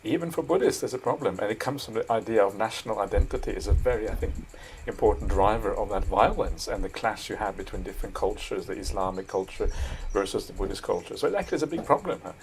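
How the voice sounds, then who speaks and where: A middle-aged man from Norway, a Buddhist monk answering interview questions thoughtfully, with many pauses and fillers. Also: fairly low pitch, expressive, a little hiss or hum, poor audio. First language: Norwegian. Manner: thoughtful, frequent "uh" and "yeah", soft laughs. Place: monastery.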